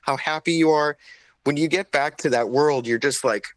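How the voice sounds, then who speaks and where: A man's voice: a little high, moderate pace, no echo. A man co-hosting a casual chat, talking enthusiastically about a film with plenty of fillers and restarts. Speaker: podcast co-host.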